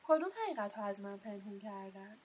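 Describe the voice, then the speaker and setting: A woman's voice: mid-range voice, animated, a little mellow, slight background noise, natural voice. A woman reading aloud and voicing a polite, curious young boy who keeps asking puzzled questions.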